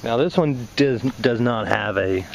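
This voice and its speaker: A gravelly, medium-pitched man speaks unhurriedly while demonstrating HVAC parts hands-on, casual and folksy, thinking out loud. He stands in a yard by a scrap pile, holding the camera himself, with insects making the outdoor audio noisy.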